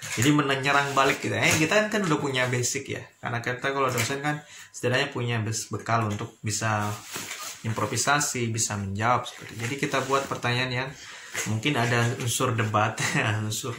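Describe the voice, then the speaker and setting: A man's voice: mid-range voice, a little fast. A man, a university lecturer, talking casually in a teaching vlog with lots of fillers. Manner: chatty, explanatory, with frequent fillers. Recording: echoey room with noise.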